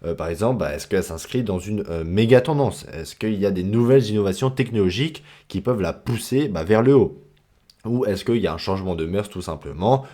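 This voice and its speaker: Here a stock investing educator talks through how to analyse stocks with a mellow, lowish voice and a brisk pace. The lesson is loose and chatty, peppered with fillers like "bah" and "hein" and casual slang.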